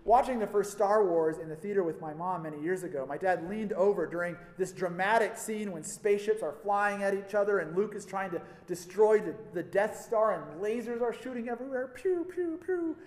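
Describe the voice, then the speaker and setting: A man delivers a sermon in a fairly high voice, telling stories and slipping in wry asides. His words ring out with the long reverb of a large hall. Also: a little fast, hardly any pauses, darkish tone. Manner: storytelling, wry asides, varied emphasis. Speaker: preacher. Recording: echoey hall.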